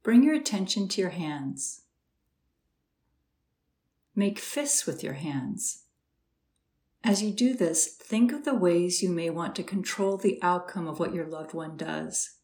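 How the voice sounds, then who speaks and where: Soft-spoken woman guiding a meditation. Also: on the low side, expressive. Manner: slow, soft, soothing instructions with pauses. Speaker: meditation guide. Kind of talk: guided meditation.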